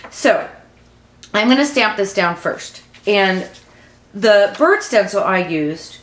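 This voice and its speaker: A woman talking casually through a craft tutorial as she works, rambling and thinking aloud, with a low early-morning voice. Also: expressive, slow, a bit bright. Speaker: mixed-media craft tutorial host. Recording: echoey room, faint background noise.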